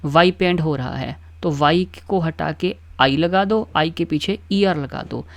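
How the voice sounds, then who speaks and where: A patient teacher, explaining grammar at a mid-range pitch. The teacher recites word lists in a steady rhythm and pauses often to check that the listener is following. The recording is dry, with no room sound. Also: dry recording. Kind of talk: grammar lesson.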